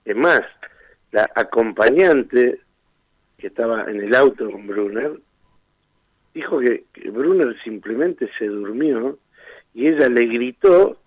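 A man's voice: medium pitch, expressive, takes it slowly, pauses often, no room sound, dull audio. A man with an Argentine Spanish accent, a defense lawyer arguing his case insistently in a radio interview, firing off rhetorical questions.

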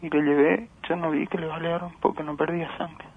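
A man's voice: fairly high pitch, level tone, gravelly, a little hiss or hum. Grieving man on a tinny phone line. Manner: halting, repeats words, emotional. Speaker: interviewed father. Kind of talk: phone interview.

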